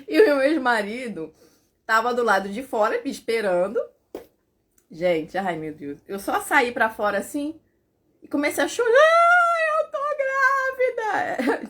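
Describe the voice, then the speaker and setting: A young adult woman talks straight to her viewers, recounting a personal story. Her voice sits a little high and leaps around in pitch. She sounds emotional and animated and fills her speech with little fillers. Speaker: vlogger.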